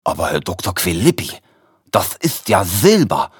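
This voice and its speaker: A man voicing an emotional, excitable male quack healer who speaks earnestly. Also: deep voice, normal speed, slightly rough, dry recording, clean studio sound, exaggerated voice.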